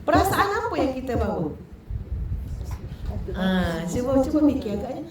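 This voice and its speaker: A woman religious teacher with a Malaysian Malay accent, giving a lively, conversational talk to women and often questioning her listeners. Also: sits high, very fast, crowd noise. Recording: echoey hall, distant mic.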